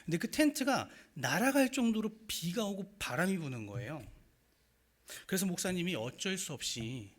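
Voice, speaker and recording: Animated young husky-voiced male preacher. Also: sits high, moderate pace. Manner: animated storytelling with acted quotes and rising emotion. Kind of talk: sermon storytelling.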